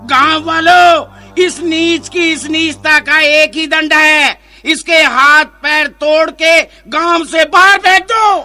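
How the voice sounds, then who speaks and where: A man playing a scornful, high-voiced temple priest. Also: little pitch movement, slow pace, few pauses, bright, forceful tone, exaggerated voice. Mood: contemptuous. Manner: contemptuous, commanding, tuts in disgust. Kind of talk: street play acting.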